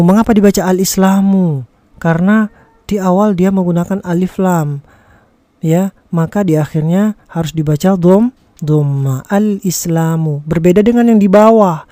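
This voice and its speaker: Indonesian reading tutor, mellow timbre, dry sound; deliberate, repetitive lesson delivery with drawn-out, clearly enunciated examples. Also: medium pitch, dry recording. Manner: frequent check-in tags after statements. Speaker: Quran reading teacher. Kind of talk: tutorial lesson addressed to viewers.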